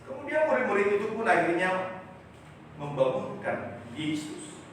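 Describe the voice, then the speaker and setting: Dramatic preacher in an echoey hall. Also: male voice, high voice, big pitch swings, unhurried, slight background noise. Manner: dramatic, swings from loud acted quotes to soft near-whispers. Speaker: pastor. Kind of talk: sermon. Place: large church. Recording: echoey church hall, voice from far off.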